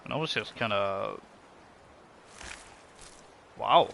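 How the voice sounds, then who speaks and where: A man's voice: lowish voice, animated, slow, vocal fry, fairly bright tone, a little hiss or hum. A man giving casual let's play commentary, musing and thinking aloud in a hesitant way. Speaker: gaming video host. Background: game music.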